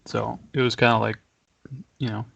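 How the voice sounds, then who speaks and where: A man's voice: fairly low pitch, flat delivery, normal speed, creaky, fairly bright tone, no echo, lo-fi sound. A man co-hosting a casual podcast, talking in a laid-back, rambling way and chuckling often. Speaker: podcast co-host. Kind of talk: casual chat.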